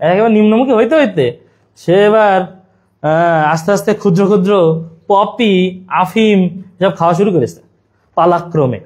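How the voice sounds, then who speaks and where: A man's voice: sits high, animated, moderate pace, long pauses, darkish tone. A young man leads an exam-prep lesson. He talks to his students in a chatty way and builds playful memory tricks into the teaching.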